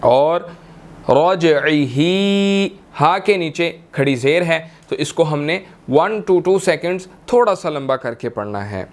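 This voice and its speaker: A male Quran teacher walks through recitation rules at an unhurried pace. His voice sits a little high, and he patiently repeats each verse, checking in often. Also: animated. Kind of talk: slow step-by-step recitation lesson.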